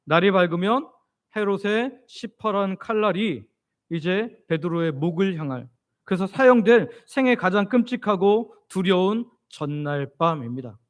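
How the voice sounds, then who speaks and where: A man preaching an expository sermon as pastor, asking his congregation questions and answering them himself. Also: sits high. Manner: leads the congregation in reading scripture aloud.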